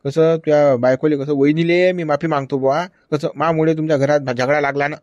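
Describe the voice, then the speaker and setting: A man's voice: a little high, steady tone, fairly quick, a little mellow, no echo, dull audio. A man in comic village banter, lecturing and chiding with frequent "hm?" prompts. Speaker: cartoon character voice.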